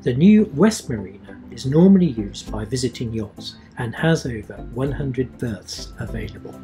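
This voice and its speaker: A man's voice: medium pitch, animated, normal speed, loud music behind the voice. Man explaining boat handling. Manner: explanatory, instructive. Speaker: sailing vlogger. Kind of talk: narrated sailing lesson.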